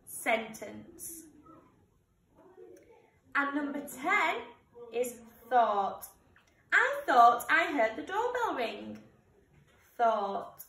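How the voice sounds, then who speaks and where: A woman in her twenties, a primary school teacher, giving a slow school dictation for a spelling test with deliberate, careful enunciation. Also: sits high, bright, forceful tone. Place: indoor classroom in front of a whiteboard. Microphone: camera or phone a few metres away. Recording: roomy, distant mic, background noise.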